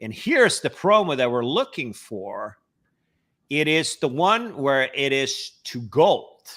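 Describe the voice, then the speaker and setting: A man's voice: mid-range voice, big pitch swings, slow pace, fairly bright tone. A man from Norway with a Norwegian accent, hosting a casual travel webcast with many hesitations and fillers. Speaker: host.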